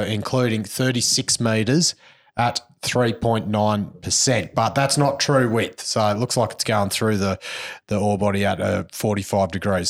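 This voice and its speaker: A man with an Australian accent hosting a podcast, chatting casually through news in a blokey, slangy way. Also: mid-range voice. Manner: laid-back, blokey, slangy. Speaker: podcast host. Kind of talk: casual chat and news recap.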